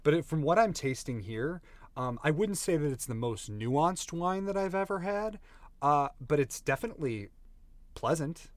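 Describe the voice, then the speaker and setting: A man co-hosting a casual podcast chat, tasting wine and rambling through stories in a relaxed, joking way with lots of fillers. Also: fairly high pitch, normal speed, no room sound.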